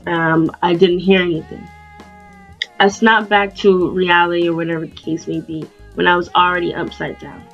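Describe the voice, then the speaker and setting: A young adult woman vlogging a storytime in an animated, casual way, with plenty of swearing. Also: on the low side, normal speed. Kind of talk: storytime vlog. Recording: dull lo-fi sound with faint music.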